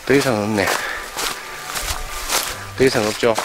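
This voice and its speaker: A man's voice: fairly low pitch, steady tone, unhurried. A man with a broad Gyeongsang accent hosting a casual, folksy on-site property tour outdoors on rural farmland, chatting to viewers as he points things out. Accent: Gyeongsang dialect Korean. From Gyeongsang region, South Korea. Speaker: real estate channel host. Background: background music.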